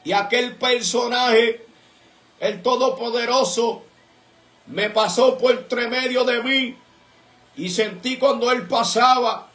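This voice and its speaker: A church member gives an earnest religious testimony, fervently retelling his story with repeated recollections and breaking into praise mid-story. His voice is very high, slow and a bit bright, and the sound is reverberant.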